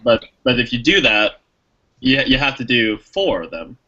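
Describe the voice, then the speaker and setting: A man's voice: mid-range voice, lively intonation, moderate pace, sharp tone, muffled recording. A man co-hosting a podcast, chatting casually and enthusiastically about a movie, rambling with lots of fillers. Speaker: podcast co-host. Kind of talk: casual movie review chat.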